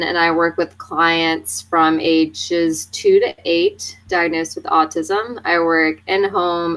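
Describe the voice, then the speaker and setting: Slow, lower-voiced woman introducing herself. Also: a bit bright, rough recording. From North Carolina, USA. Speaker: behavior technician. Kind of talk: class presentation.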